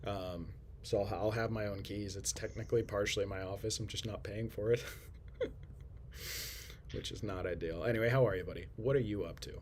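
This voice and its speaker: A young man with a low voice hosts a casual podcast from a shared office. He keeps things hushed and quiet, rambling along with lots of fillers. Faint noise sits under his voice. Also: fairly quick. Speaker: podcast host.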